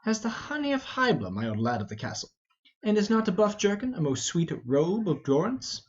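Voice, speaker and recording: Man acting young prince, witty, bantering, animated pitch, slightly muffled recording. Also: brisk. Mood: teasing. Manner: dry, bantering retorts. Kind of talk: amateur Shakespeare play reading. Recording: dull, lo-fi.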